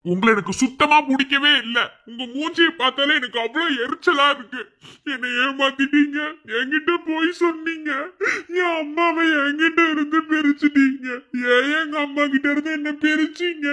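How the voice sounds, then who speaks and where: A man voicing an angry, weeping young adopted son in a cartoon, with a Madurai Tamil accent, sobbing and shouting bitterly. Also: very high voice, steady tone, moderate pace. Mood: angry crying. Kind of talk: cartoon voice acting.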